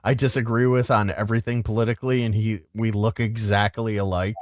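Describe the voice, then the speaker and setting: A man hosting a podcast in casual chat, talking in animated swings between loud and quiet and cursing freely. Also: fairly low pitch, brisk, dry recording, studio quality. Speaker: podcast host.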